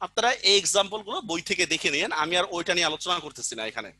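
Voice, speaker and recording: A man's voice: high-pitched, lively intonation, very fast, pushed and bright, no echo. A male teacher giving an online grammar lesson, patiently repeating examples and often asking the class whether they understood. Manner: keeps asking students check questions.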